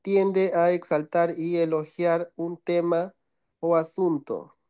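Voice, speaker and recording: Young male student, slow and mellow-toned, reads notes haltingly over his phone. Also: fairly high pitch, little pitch movement, smooth. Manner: halting, stumbling, self-correcting. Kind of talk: reading notes aloud in class.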